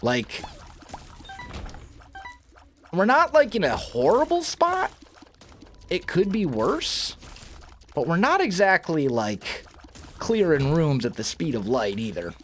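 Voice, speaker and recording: Animated man with groggy morning voice. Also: fairly high pitch, unhurried, a little hiss or hum. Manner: chatty, thinking aloud, frequent self-corrections. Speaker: let's play host. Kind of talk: casual gameplay commentary.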